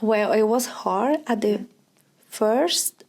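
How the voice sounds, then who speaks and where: Speaking extremely slowly isn't quite it; she takes her time, with a fairly high, darkish voice. She is a thirty-something preschool Spanish teacher from Colombia, answering a casual interview in English as a second language with a Colombian Spanish accent. Hesitation runs throughout, along with plenty of fillers and laughter.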